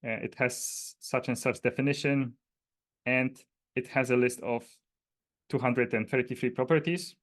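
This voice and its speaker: Demonstrating a data dictionary, this presenter from Poland speaks with a Polish accent in a hesitant, explanatory style during an informal technical walkthrough. He has a mid-range voice with fairly even intonation and talks a little slowly.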